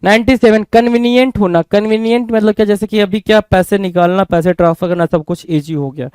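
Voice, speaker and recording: High-voiced Indian man drilling vocabulary. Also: fairly even intonation, a little fast, a little mellow, smooth, no echo. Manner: asks questions and answers them himself; repetitive, drilling. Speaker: vocabulary teacher. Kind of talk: online exam-prep vocabulary lesson.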